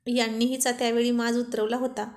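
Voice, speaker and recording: A woman's voice: on the high side, level tone, a little fast, darkish tone. Woman narrating a love story.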